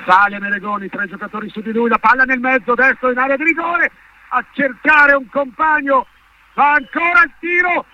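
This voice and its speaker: A man commentating on football for radio in breathless Italian goal style, frenzied and partisan, shouting and repeating his cries. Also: extremely high pitch, steady tone, brisk, lo-fi sound. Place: football stadium commentary position. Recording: noisy radio broadcast from a stadium.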